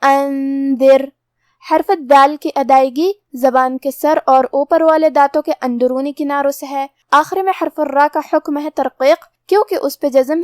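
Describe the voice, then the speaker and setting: A woman teaching Quran recitation, explaining pronunciation rules in a measured, methodical way. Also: high voice, no room sound, studio quality. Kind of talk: step-by-step recitation lesson.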